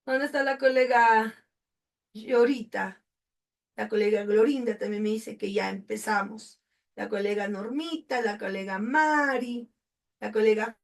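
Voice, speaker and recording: A woman's voice: fairly high pitch, steady tone, a little slow, vocal fry. A woman teaching an online exam-prep class over a video call, with a Peruvian Spanish accent. She repeats key words and keeps checking in with her students.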